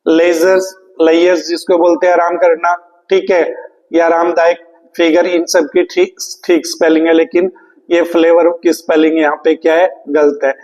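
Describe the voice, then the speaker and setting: A male English teacher coaching for an exam, who asks the class questions and answers them himself, repeating key words and reading English slowly. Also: high-pitched, darkish tone, big-room sound, highs cut off. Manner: reads English question text slowly and deliberately; calls students "beta" affectionately. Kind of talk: classroom lesson.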